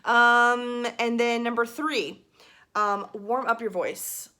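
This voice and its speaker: A young adult woman voice teacher talks through warm-up tips in a casual, filler-heavy way. A slight gravel shows in her lower register as she demonstrates exercises. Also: fairly even intonation, slow pace. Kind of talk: casual video lesson.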